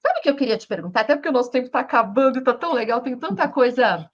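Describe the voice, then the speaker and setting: A woman's voice: high voice, racing. A Brazilian Portuguese-accented woman in her forties hosting a casual interview, telling stories and acting out the quotes. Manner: animated storytelling, acts out quotes. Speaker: podcast host. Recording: dull lo-fi sound.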